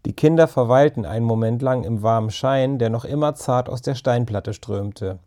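A man reading a children's story aloud in a calm, even storytelling manner. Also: mid-range voice, moderate pace. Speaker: narrator. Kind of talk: audiobook narration.

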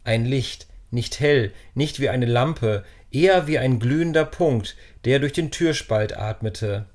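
A man narrating a children's story in a calm, measured reading voice. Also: medium pitch.

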